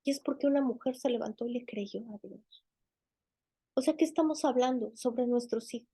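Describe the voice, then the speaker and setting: A woman gives a teaching sermon in a high, mellow voice. She talks to the listener directly and conversationally, often putting questions to them and using everyday fillers. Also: normal speed, husky. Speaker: Bible teacher.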